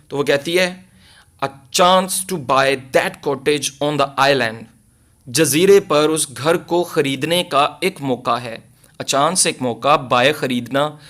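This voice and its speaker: A man with a Pakistani accent teaching an English lesson, reading each line slowly and explaining it in Urdu. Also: medium pitch, a bit bright.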